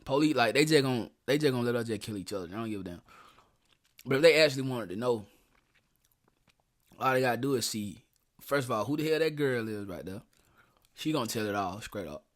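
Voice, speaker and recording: A man's voice: mid-range voice, animated, brisk, pauses often. A young man hosting a reaction video, talking bluntly in street slang with plenty of profanity and telling stories between clips. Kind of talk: casual reaction commentary.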